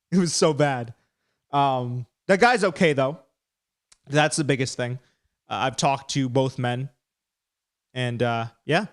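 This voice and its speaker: A man's voice: mid-range voice, takes it slowly, long pauses. A man hosting a live stream, chatting casually and rambling as he breaks down fights. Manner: chatty, rambling, self-deprecating.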